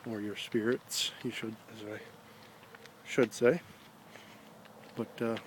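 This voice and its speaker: An American man talking casually with a pipe in his mouth, rambling in a halting, reflective, unhurried way. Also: mid-range voice. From Ohio, United States. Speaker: video blogger. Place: outdoors on an evening stroll. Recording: noticeable background noise, ambience.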